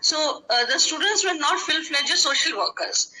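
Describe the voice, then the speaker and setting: A woman's voice: sits high, expressive, moderate pace, sharp tone, poor audio. A middle-aged woman with an Indian accent, explaining her social work earnestly in a conversational interview. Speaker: social worker, interview guest. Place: live video call.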